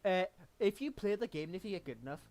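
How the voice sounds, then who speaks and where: A young man in a casual gaming chat, excitable, swearing often and stammering on restarts. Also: sits high, fast talker.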